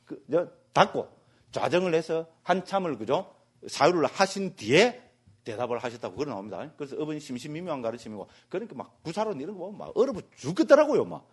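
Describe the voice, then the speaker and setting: A man, a Buddhist monk, giving a jokey, animated lecture and keeps asking the class "right?". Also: a little high. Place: meditation center lecture hall.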